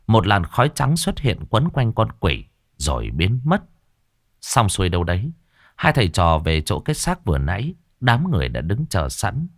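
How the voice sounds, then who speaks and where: A man narrating a ghost story in a dramatic, expressive storytelling manner. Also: lowish voice, normal speed, dry recording, studio quality.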